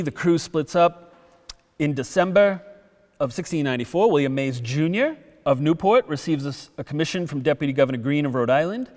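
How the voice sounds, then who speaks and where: Storytelling man lecturing in a reverberant hall. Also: on the high side. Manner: lively storytelling, acts out quotes. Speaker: guest lecturer. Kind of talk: public history lecture. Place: town hall.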